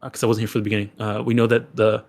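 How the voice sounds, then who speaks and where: A man playing a tabletop game, chatting casually and haltingly, often circling back on his phrases. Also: fairly low pitch, little pitch movement, darkish tone.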